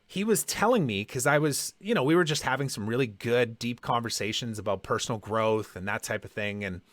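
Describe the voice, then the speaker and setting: A man's voice: mid-range voice, brisk, a bit bright, no echo. Casual man telling stories, dry sound. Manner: conversational, acts out quoted dialogue. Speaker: podcast host. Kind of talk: casual personal storytelling.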